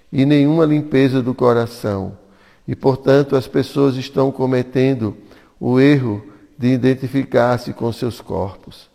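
A man's voice: mid-range voice, gravelly, a little mellow. Brazilian guy reading scripture to a class, chants the sanskrit bits, reverby hall. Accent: Brazilian Portuguese. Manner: reads steadily, chants Sanskrit verses in a singsong. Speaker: scripture reader at a devotional class. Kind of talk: reading scripture commentary aloud. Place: community hall at an ecovillage.

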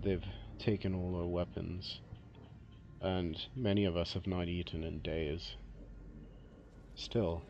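A man's voice: low voice, highs cut off, slight background noise. A man voicing an earnest weary village elder. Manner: respectful, earnest. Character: weary male village elder pledging loyalty.

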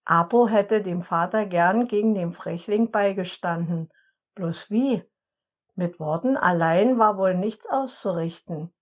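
A woman narrating an audiobook story in a calm, measured manner. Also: medium pitch, muffled recording.

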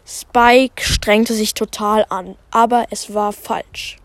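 A woman's voice: mid-range voice, steady tone, slow pace, dry recording. A woman narrating and hosting a homemade fan story in a plain storybook manner. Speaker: narrator and host.

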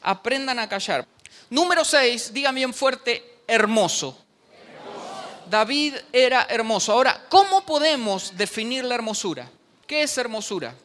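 A man's voice: very high voice, moderate pace. A man preaching a sermon in a church, joking and speaking straight to the congregation. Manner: animated, joking preacher addressing the congregation directly.

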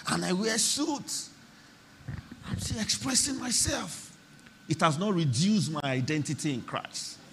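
A man's voice: high voice, expressive, a little slow, background noise. A man preaching a church sermon, driving his points home with emphatic repetition and calls for the congregation to respond. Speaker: pastor.

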